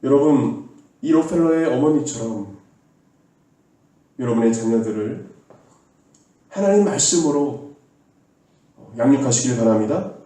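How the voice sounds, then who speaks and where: A man preaches a sermon in a warm, mellow voice, urging his listeners earnestly and having them repeat his words. He sounds far from the mic. The church hall around him echoes heavily. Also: medium pitch, expressive, a little slow, pauses often. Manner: earnest exhortation, leads the congregation in call-and-response. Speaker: pastor. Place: church sanctuary.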